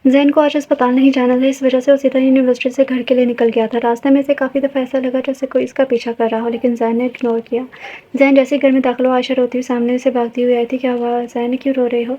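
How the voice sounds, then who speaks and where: A woman narrating a romance novel aloud in a steady reading manner. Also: sits high, lo-fi sound. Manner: steady reading, stops to remark on typos. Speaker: audiobook narrator.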